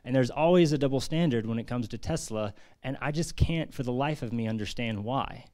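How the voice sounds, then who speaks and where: At a book launch held in a press centre conference room, an American author talks about his book in a casual, earnest way, often using fillers. He speaks a little fast in a mid-range, slightly mellow voice.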